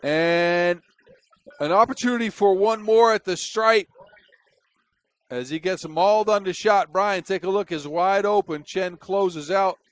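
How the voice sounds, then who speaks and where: Recorded close to the mic, this Dutch-accented man from the Netherlands calls basketball play-by-play in a smooth, high-sitting, unhurried voice. His tone is wry and talkative, with jokes tossed in between plays.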